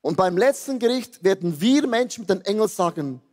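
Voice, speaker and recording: A man in his fifties with a Swiss German accent preaching a sermon, animated and joking, dropping to quiet asides and rising to exclamations. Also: sits high, a little fast. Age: 50s. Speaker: pastor. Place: large church hall. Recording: long hall reverb.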